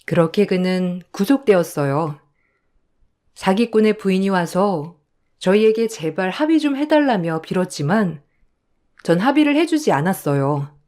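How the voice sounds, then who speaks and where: A woman narrating her own story as a wife in a radio drama, calm and indignant, sharp and scolding when she confronts the swindler. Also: mid-range voice.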